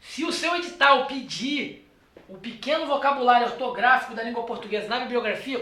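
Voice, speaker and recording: A teacher with a Brazilian accent gives a lecture at a board, talking straight to the viewer. The voice is bright and forceful and keeps checking in with quick tag questions. The room echoes around it. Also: medium pitch. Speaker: exam prep teacher. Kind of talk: classroom lecture. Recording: roomy echo.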